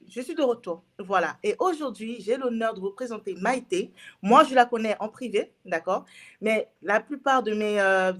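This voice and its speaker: A woman hosting a casual interview, effusive and often exclaiming in amazement. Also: fairly high pitch. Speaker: host.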